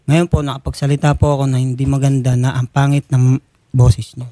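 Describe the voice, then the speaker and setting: A man, a complainant giving quiet, polite, short answers. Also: medium pitch, level tone, fairly quick, dry recording.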